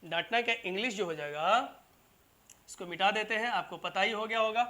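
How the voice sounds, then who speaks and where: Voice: medium pitch, moderate pace, sharp tone. An English teacher gives a classroom grammar lesson in front of a whiteboard. The teacher repeats each point and keeps checking with the students, calling them "babu" and "bhai". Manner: repetitive, keeps asking "clear?" and calls students "babu" and "bhai".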